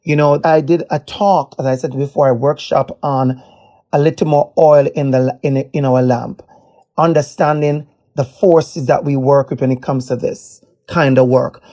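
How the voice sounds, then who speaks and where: A woman's voice: rumbling low, steady tone, moderate pace, warm tone, lo-fi sound. A woman with a Jamaican accent, an equity educator answering as a guest, speaking emphatically and repeating key lines for effect. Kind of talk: impassioned interview answer.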